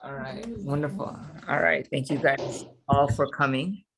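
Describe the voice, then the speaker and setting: A man hosting a small gathering in a faculty club, talking informally with many pauses. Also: medium pitch, gravelly, a crowd in the background. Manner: informal, hesitant, with fillers. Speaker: event host. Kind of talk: casual event hosting.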